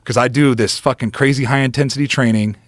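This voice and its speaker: A man, a podcast guest, telling a story in an animated, profane way and acting out the quotes. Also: medium pitch, fast talker, no echo.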